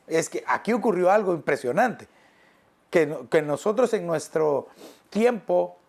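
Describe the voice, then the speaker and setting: A male pastor preaching a sermon in an earnest, pastoral way, stretching phrases out slowly and dropping soft and low. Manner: earnest, pastoral, addressing listeners as brother.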